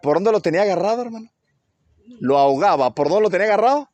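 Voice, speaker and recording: Lively pastor preaching. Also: male voice, high-pitched, fast, dull audio. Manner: animated preaching, asks the congregation questions. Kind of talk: sermon.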